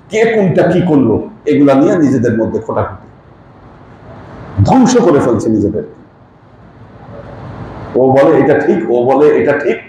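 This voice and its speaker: A man's voice: mid-range voice, a little mellow, highs cut off. A man, a Sufi religious teacher, giving a weekly lesson. He explains pronunciation and keeps asking his listeners questions. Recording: very echoey room, faint noise.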